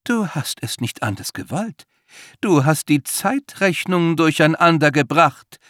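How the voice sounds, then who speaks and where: A man putting on shrill, pushy Winston. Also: very animated, unhurried, fairly bright tone, dry recording, clean studio sound. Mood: menacing. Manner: shrill, demanding, theatrical. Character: pushy, insistent male student Winston.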